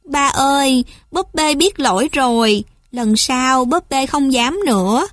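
A woman's voice: high-pitched, takes it slowly, no room sound, studio quality. A woman doing a frightened crying little child. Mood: pleading. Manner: tearful, pleading. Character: small frightened child who breaks a vase.

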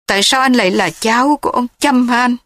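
Woman voicing a young wife, shrill and angry. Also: quick pace, fairly bright tone, dry recording, clean studio sound, natural voice. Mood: pleading. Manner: raised, shrill pleading.

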